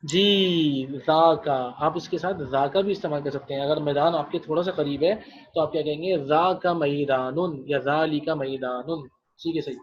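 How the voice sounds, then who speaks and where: A man's voice: on the high side, lo-fi sound. A male Arabic teacher giving an online class. He repeats phrases patiently and calls on students by name.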